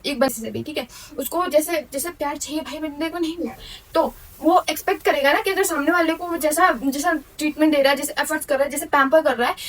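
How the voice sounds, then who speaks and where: Young female vlogger, quick and high-pitched, blunt and slangy storytime rant. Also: distant mic. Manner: blunt, slangy, mixes English into speech. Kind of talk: venting storytime monologue.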